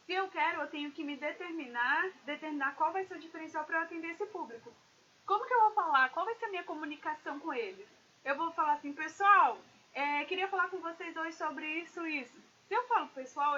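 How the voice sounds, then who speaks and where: A woman business consultant giving an animated live-stream talk, speaking straight to her viewers. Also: sits high, muffled recording, a little hiss or hum. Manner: animated, addresses viewers directly.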